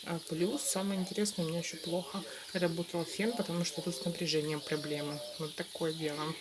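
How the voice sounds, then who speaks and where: A woman's voice: lowish voice, little pitch movement, brisk. A woman vlogger, chatting casually and confidingly to her followers in a rambling, informal way. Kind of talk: casual vlog chat to followers. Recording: clear background noise, home-made vlog.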